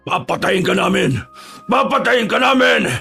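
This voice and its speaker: A man's voice: sits high, animated, moderate pace, gravelly, pushed and bright, husky, soft background music, voice pushed up, heavily acted. A man voicing a menacing, hungry aswang monster father in an audio horror story.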